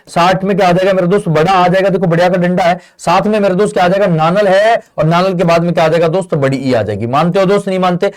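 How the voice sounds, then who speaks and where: A man gives a Hindi grammar lesson in a fairly high voice, explaining step by step at a board. He asks questions, answers them as the students would, and keeps calling his listeners friend and brother. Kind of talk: online exam-prep lesson.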